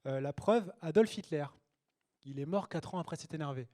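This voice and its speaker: A young man doing stand-up in a small cabaret, his voice sitting a little high for a man. He talks in a cheeky, loose, chatty way, full of fillers and asides to the crowd. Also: moderate pace, dark tone. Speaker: stand-up comedian. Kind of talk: stand-up routine. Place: small cabaret stage with a live audience.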